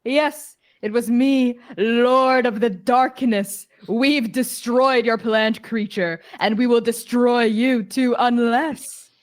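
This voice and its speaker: A woman voicing a player character who theatrically poses as a Lord of Darkness, speaking in a slow, grandiose way. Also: a little high, steady tone. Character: boastful self-proclaimed Lord of Darkness, a bluffing adventurer.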